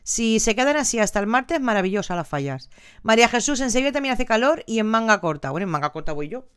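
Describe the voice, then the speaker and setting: A woman's voice: on the high side, big pitch swings, quick pace, fairly bright tone, clear, resonant tone, dry recording, clean studio sound. An older woman from Valencia in Spain, hosting a live stream in a chatty, affectionate way and greeting viewers by name. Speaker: live stream host reading viewer comments. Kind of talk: casual live chat.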